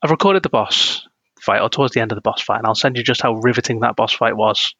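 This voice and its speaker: A man's voice: mid-range voice, fast talker, sharp tone, no echo, lo-fi sound. A young man co-hosting a casual gaming podcast, ranting in a self-deprecating way. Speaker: podcast co-host.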